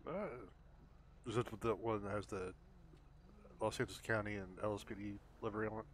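Guy with a lowish voice, casual cop roleplay chatter, bit of hiss behind him. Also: fairly even intonation, a little fast. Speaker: player acting as a patrol officer. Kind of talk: casual in-game roleplay chat.

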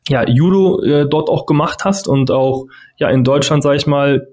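A man's voice: fairly high pitch, normal speed, darkish tone. Rambling male podcast co-host on a call. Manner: rambling, many fillers and restarts. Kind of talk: casual interview hosting. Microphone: podcast mic on a video call.

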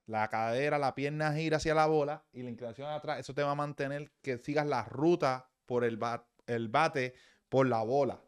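A man's voice: medium pitch, clean tone. A young man co-hosting a casual talk show, breaking down baseball swings and repeatedly telling his partner to advance the video. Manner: rapid, repetitive instructions to advance the video. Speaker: co-host analyzing baseball swings.

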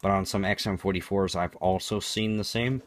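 Low-voiced man giving a product review. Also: fairly even intonation, moderate pace, no echo. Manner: matter-of-fact, explanatory. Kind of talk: unscripted product demonstration commentary.

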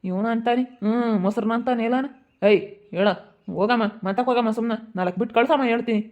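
A man playing a village elder brother with a rural Chitradurga Kannada accent, talking quickly to calm things down. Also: very high-pitched. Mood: pleading. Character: older village brother-figure, calm mediator. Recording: tinny phone-like recording.

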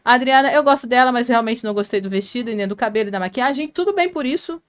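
A Brazilian woman talks fast in a fairly high-pitched voice while hosting a casual live stream. Using a headphone mic, she reads viewers' comments aloud, addresses fans by name, and laughs often, with a Brazilian Portuguese accent.

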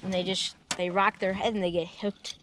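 A young male angler chatting casually on a small river boat, chiming in eagerly with quick agreement. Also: sits high, level tone. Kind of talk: casual chat. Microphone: action camera on the boat. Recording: outdoor camera mic with noise.

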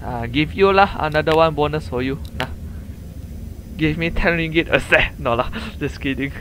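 Malaysian accent, colloquial English with lah and Malay words, casual gameplay chat, mid-pitched, noisy game ambience. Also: moderate pace, fairly bright tone. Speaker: gamer, host of gameplay video. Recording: clear game noise behind. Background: video game ambience and sound effects.

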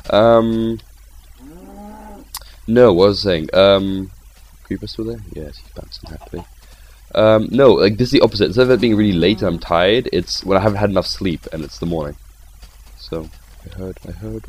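Deep-voiced young man chatting over gameplay. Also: normal speed, pauses often. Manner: chatty and rambling, with excitable outbursts. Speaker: gaming channel host. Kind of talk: casual gameplay commentary.

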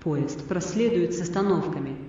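A woman giving a formal, measured public-address announcement at a railway station, in the manner of an airport announcement. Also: on the low side, slight background noise. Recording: muffled, very echoey distant station loudspeaker.

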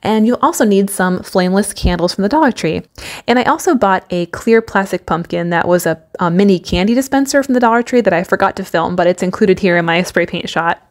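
In a voice-over for a DIY home decor tutorial, a woman walks through each step in a practical, easygoing way. Her expressive, middle-pitched voice is sprinkled with ums and uhs.

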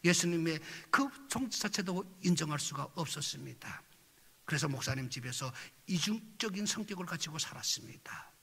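A North Korean-born man preaching a testimony sermon in a church, moving from quiet low telling to loud impassioned outbursts. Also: lively intonation, moderate pace, creaky, slightly rough, big-room sound. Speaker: pastor. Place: large church hall.

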